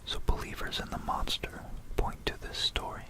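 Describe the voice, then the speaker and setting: In a breathy, unvoiced whisper near a binaural microphone, an ASMR host meanders through a casual history narration. The speech halts, muses, and circles back over the same phrases.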